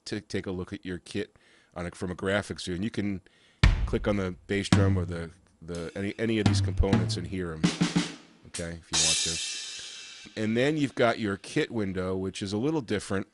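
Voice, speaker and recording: A man with a cold and a raspy voice, walking through software in a casual, halting way with frequent uhs and restarts. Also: low-pitched, music in the background. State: has a cold. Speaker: software reviewer. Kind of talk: casual screen-share walkthrough.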